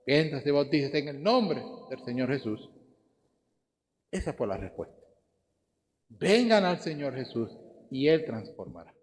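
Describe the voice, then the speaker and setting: Lively Dominican preacher in a reverberant church. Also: male voice, fairly high pitch. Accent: Dominican Spanish. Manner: lively, rhetorical questions to the congregation. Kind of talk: sermon. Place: church hall. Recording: long church hall reverb.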